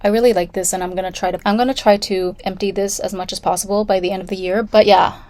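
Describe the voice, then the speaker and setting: A woman vlogging casually from home, reviewing beauty products in a rambling, candid way with self-deprecating asides. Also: mid-range voice.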